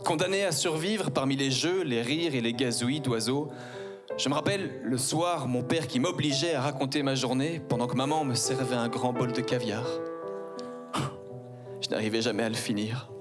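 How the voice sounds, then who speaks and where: A man's voice: mid-range voice, normal speed, music in the background. A man in his forties with a Belgian French accent, performing a stand-up comedy set on stage, ironic and mock-posh. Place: theater stage before a live audience.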